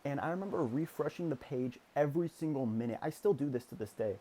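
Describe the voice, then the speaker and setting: A fast-talking YouTuber in his late teens reflects candidly in his vlog, his medium-pitched voice dark and expressive. He rambles a little and keeps restarting his sentences.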